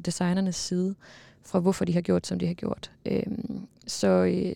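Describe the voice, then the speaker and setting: A man with a very gravelly, mellow voice talks haltingly on a panel, filling pauses as he goes. The sound is dry and close. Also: high-pitched, dry recording. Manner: halting, frequent fillers. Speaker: panel guest. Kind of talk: casual panel talk.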